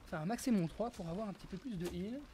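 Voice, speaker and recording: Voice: medium pitch, very fast. A gaming commentator explains gameplay in a casual, explanatory way, stopping and restarting with fillers and self-corrections. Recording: steady background hiss.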